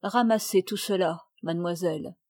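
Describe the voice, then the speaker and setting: A woman voicing a calm, stern aristocratic lady who speaks in a measured, cold and formal way, as in a read storybook. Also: mid-range voice, no echo, clean studio sound, lightly acted.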